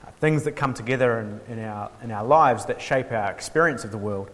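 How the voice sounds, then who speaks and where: Speaking at a middle pitch, a theology workshop speaker from New Zealand gives a relaxed, informal lecture. Ums, restarts and frequent pauses mark his talk, along with wry self-mockery, and a long hall reverb trails his voice.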